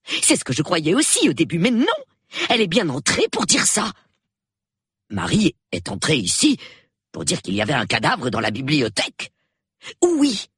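A woman's voice: low voice, huge pitch swings, moderate pace, long pauses, breathy edge, no room sound, clean studio sound, pitched above the performer's own voice, heavily acted. A man voicing an insistent middle-aged lady of the house, pleading with her sleepy husband in a storybook reading.

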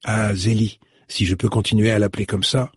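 Audiobook role: earnest young man, as a narrator reads him, husky, dry close sound. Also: lowish voice, level tone, brisk, dry recording.

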